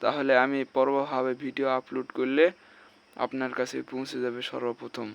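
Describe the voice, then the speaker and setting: A man's voice: medium pitch, flat delivery, moderate pace, vocal fry, fairly bright tone. A man teaching Arabic reading in a patient lesson, naming each letter and vowel sign before blending the syllable and asking viewers to answer. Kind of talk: slow spelling-out lesson.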